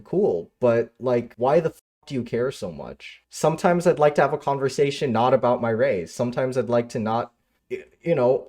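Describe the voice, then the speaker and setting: Frank, animated streamer guy. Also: medium pitch. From Michigan, United States. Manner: candid, frustrated, swears casually, answers chat. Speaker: livestreamer. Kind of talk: casual livestream talk to chat.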